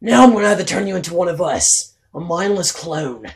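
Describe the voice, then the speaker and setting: A young man voicing a cold, menacing male clone leader in a homemade skit, speaking slowly and low. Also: expressive, creaky.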